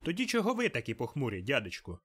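A man voicing a cheerful, warm-hearted young nephew who speaks up high and eagerly. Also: sing-song, a little fast. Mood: eager, pleading. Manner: bright, eager, raised voice.

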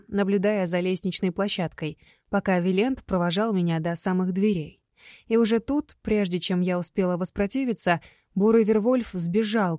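A woman narrating a first-person fantasy audiobook with expressive storytelling. Her voice sits at a middle pitch. The recording is dry and close. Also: no echo.

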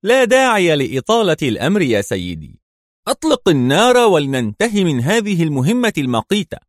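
A man voicing a calm, sly young female spy partner. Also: on the high side, a little fast, no echo, studio quality, pitched above the performer's own voice.

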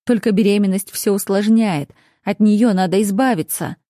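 A guarded, blunt male official in an audiobook, read by a woman narrator. He lays things out in a measured, matter-of-fact way, in a warm voice. The recording is dry and intimate. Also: mid-range voice, dry recording, close to an everyday voice.

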